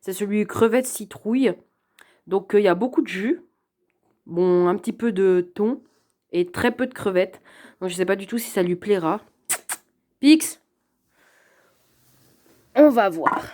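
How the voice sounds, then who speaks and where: A woman's voice: medium pitch, normal speed, a little mellow. Chatty French-speaking woman unboxing. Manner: chatty, hesitant with frequent fillers. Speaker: vlogger unboxing a cat subscription box. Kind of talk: casual unboxing commentary.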